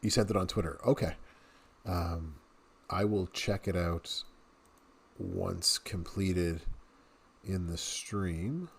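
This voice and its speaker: Deep-voiced man chatting over gameplay. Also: slow, gravelly, pauses often, slightly rough. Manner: chatty, laughs often, talks to viewers. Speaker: game streamer. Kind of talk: casual gameplay commentary.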